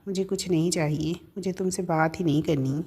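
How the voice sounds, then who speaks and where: A woman voicing a stern, angry young husband who scolds in sharp, clipped lines. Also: on the low side, fairly even intonation, a little fast, husky. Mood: curt.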